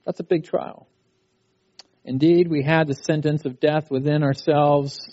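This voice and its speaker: A man's voice: on the high side, steady tone, unhurried, dark tone, no echo, lo-fi sound. A middle-aged man preaching a sermon at a youth conference, talking in a conversational way and acting out a frustrated child's cries. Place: conference hall.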